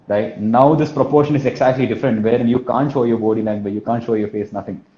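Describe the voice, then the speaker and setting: A man's voice: mid-range voice, steady tone, fast, dark tone, a little hiss or hum. A man from Kerala with a Malayali Indian English accent, coaching informally like a telesales trainer, repeating himself for emphasis and often tagging sentences with checking questions. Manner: emphatic repetition, frequent 'right?' and 'you know what I mean?' tags. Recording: roomy echo, dull muffled sound.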